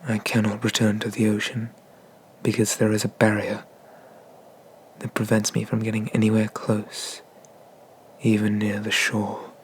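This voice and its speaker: For an ASMR roleplay, a man voices an ancient dragon god who is haughty and condescending yet merciful, bitter and vowing. He speaks very slowly and formally, completely flat with little pitch change and lightly acted, drifting into murmured, breathy whispers over noticeable ambient noise.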